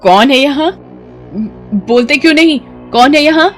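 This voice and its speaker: A woman voicing a spoiled, spiteful young sister-in-law in an animated horror story, with a shrill, sneering delivery. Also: a little slow, soft background music. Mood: terrified.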